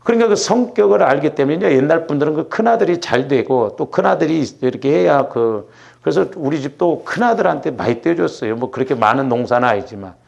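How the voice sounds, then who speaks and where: A man's voice: on the high side, expressive, quick pace, vocal fry, hardly any pauses, a little mellow, dull audio. A middle-aged male pastor from the Jeolla region preaching at a Wednesday prayer service in a church, chatty and often asking the congregation "right?". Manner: conversational, keeps asking the congregation "응?". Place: church sanctuary.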